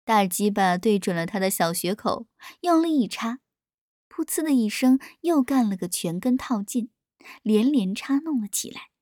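A woman narrating an erotic story in a steady, even reading voice. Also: on the high side, moderate pace, no room sound, studio quality.

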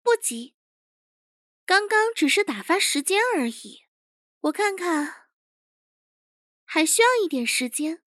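Woman playing a cocky young male interrogator, very high voice, dry close mic, audio drama. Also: sing-song, slow, pauses often, fairly bright tone, no echo, exaggerated voice. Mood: commanding. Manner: cocky, confident. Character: young male interrogation chief, proud, touchy.

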